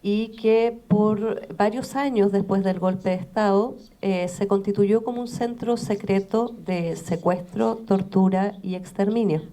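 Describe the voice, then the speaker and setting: A woman, a memorial site administrator, giving a measured formal introduction with frequent pauses. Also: mid-range voice, fairly even intonation, dark tone.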